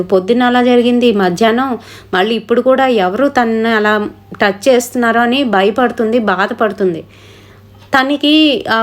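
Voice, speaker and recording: A woman narrating a horror story in a steady, conversational telling. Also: fairly high pitch.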